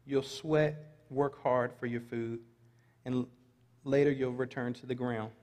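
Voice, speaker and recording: This pastor, a middle-aged man, speaks at medium pitch with a darkish tone, moving a little slowly and barely varying his pitch. He reads scripture and makes light asides to his congregation in a large sanctuary whose long reverb fills the recording.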